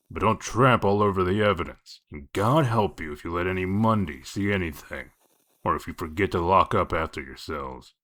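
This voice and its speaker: A man playing a gruff, sardonic, bossy wolf detective in a comic dub, speaking in a curt, commanding way. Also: fairly bright tone. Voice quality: deep voice.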